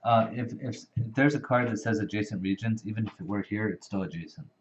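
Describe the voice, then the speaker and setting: An experienced board game player with a fairly low voice talks fast as he patiently explains the rules in a casual chat, using many fillers. The recording is dull and lo-fi.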